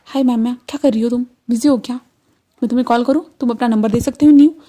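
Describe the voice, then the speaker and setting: A woman's voice: a little high, steady tone, fast talker, mellow, close to an everyday voice. A woman voicing an anxious, caring young man who talks in an earnest, reassuring way. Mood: apologetic, eager.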